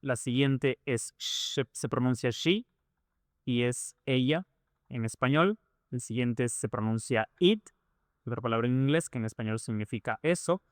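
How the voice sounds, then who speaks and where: A man's voice: mid-range voice, moderate pace, dry recording, clean studio sound. A man teaching a lesson, explaining patiently and repeating points through rhetorical questions. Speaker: English teacher.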